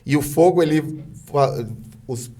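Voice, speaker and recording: A man with a Brazilian Portuguese accent tells his life story as a podcast guest. He speaks haltingly, restarts his sentences often, and is moved to tears at times. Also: a little high, mellow. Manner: hesitant storytelling with many restarts. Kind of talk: emotional personal testimony.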